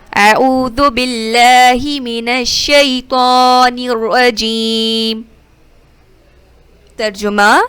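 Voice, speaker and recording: A woman teaching Quran recitation rules, explaining quickly and then reciting verses slowly and drawn out. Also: fairly high pitch, a bit bright, clear, resonant tone, no room sound. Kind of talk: tajweed lesson with recitation.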